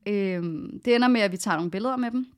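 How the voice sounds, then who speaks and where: Young woman telling a shaky story. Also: mid-range voice. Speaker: podcast co-host. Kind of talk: casual podcast chat, personal story.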